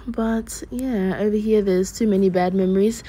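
A young adult woman chatting informally to a vlog audience in a drowsy, low-key way, on a handheld phone. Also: steady tone, moderate pace, mellow. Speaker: vlogger. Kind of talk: casual vlog chat. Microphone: phone at arm's length. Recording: noisy handheld phone recording, ambient sounds.

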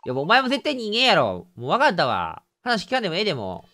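Kansai-accented male game streamer, wildly animated pitch, joking mock outrage. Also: quick pace, music in the background. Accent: Kansai Japanese. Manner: joking, exaggerated indignation, lively reactions. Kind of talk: let's play commentary.

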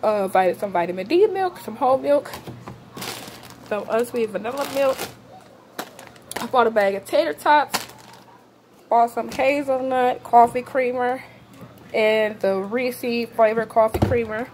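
A woman's voice: fairly high pitch, measured pace, pauses often, a little mellow, a little hiss or hum. A young woman vlogger casually walking through her grocery haul in her kitchen, chatting to viewers with fillers and "y'all", filmed on a handheld phone. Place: home kitchen, indoors.

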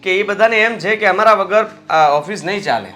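An earnest young son, respectful and pleading. His voice is slightly high, with a soft musical bed beneath it. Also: moderate pace, soft background music. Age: young adult. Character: obedient young son working in family office.

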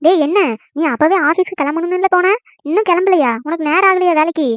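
A woman doing a high, shrill scolding mother-in-law. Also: fairly even intonation, no echo. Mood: teasing. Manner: scolding, indignant, fast-talking when angry. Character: short-tempered scolding mother-in-law, middle-aged woman. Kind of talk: cartoon comedy voice acting.

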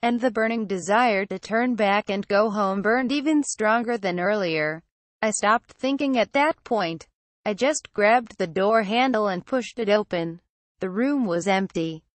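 A woman reading a horror story aloud in a steady, somber storytelling manner. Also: mid-range voice, unhurried, no echo. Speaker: narrator.

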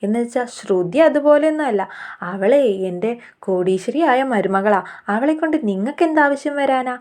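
A haughty, wealthy middle-aged mother-in-law from a television serial, sneering at poor people, read out by a Malayali woman. Her voice sits a little high. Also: animated, moderate pace, a little mellow, close to an everyday voice. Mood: scornful.

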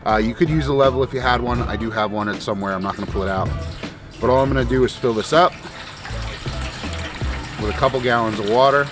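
A man in his thirties, outdoors in a snowy yard, casually explaining a homestead task step by step in a relaxed, thinking-aloud way. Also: medium pitch, fast, long pauses. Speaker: homesteader vlogger. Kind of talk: casual how-to narration. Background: background music.

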